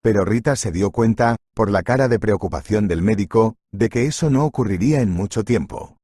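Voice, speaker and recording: A man narrates a scripted drama story at a steady, even pace. His voice is low and husky. The sound is close and dry. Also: a little fast, no echo.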